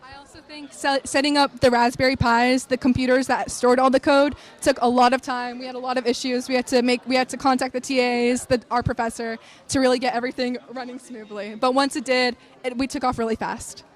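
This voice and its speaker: A young woman with a high voice presents her team's key lessons in an earnest way. She lists her points one by one and sometimes restarts a phrase. A faint murmur of an audience sits behind her. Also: level tone, brisk, few pauses, a faint crowd. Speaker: student presenter. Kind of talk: team presentation.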